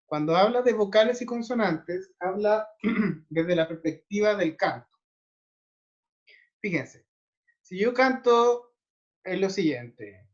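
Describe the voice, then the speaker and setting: High-voiced man teaching music. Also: muffled recording. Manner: explanatory, checks understanding with frequent tag questions. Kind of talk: online theory class lecture.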